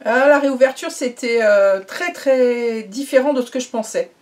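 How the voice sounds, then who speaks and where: A woman's voice: a little high, normal speed, darkish tone. A woman giving a casual, effusive recap, repeating words for emphasis. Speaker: vlogger.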